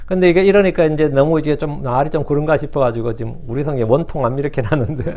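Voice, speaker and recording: A man's voice: fairly high pitch, fast talker, warm tone, a little hiss or hum. A male pastor giving a sermon in a conversational way, often checking in with the congregation and rising into impassioned scripture reading. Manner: conversational preaching with frequent rhetorical "응?" asides.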